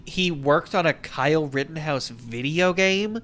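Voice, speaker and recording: A man co-hosting a casual podcast, chatty and animated, laughing easily between remarks. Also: on the high side, normal speed. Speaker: podcast co-host. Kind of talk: casual chat.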